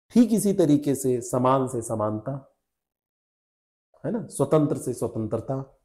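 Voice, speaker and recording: A Hindi exam tutor with a medium-pitched, warm voice teaches spelling rules to exam students. He patiently repeats each rule and checks in with the class.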